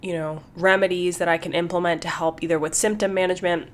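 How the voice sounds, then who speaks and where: A woman's voice: lowish voice, steady tone, fast. A woman hosting her own podcast in casual solo talk, a little congested, chatty and repeating words as she thinks. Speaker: podcast host.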